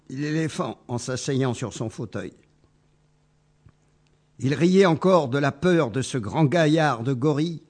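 A man reading a children's story aloud in a slow, husky voice. His pitch rises and falls in a lively way as he tells the tale.

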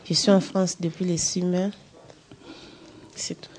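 A woman from Congo taking part in a group workshop. She introduces herself in short, simple statements. Her voice is low, flat and mellow. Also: a little slow, a little hiss or hum. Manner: brief, simple self-introduction. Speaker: workshop participant.

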